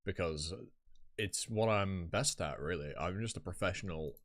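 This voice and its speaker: A man's voice: low voice, normal speed, a bit bright. A man, chatting casually and rambling on a live reaction stream, swearing and mocking himself.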